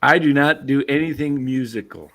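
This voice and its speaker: A man's voice: medium pitch, normal speed, fairly bright tone. A man around sixty, co-hosting a casual chat in an easygoing, agreeable way over a video call. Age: 60s. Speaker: co-host.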